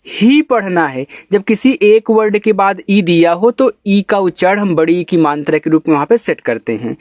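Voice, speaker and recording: A young man with a fairly high voice teaches beginners to read English. He spells each word letter by letter, then patiently explains its sounds step by step. The recording is dry and close. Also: no echo. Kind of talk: spoken lesson on reading English words.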